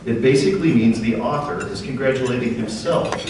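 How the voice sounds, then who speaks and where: A man's voice: mid-range voice, animated. Man announcing from afar in echoey hall. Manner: brisk, with frequent hesitations. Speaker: club president. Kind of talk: meeting announcements. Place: large meeting hall during a lunch. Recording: echoey hall, distant mic, noisy.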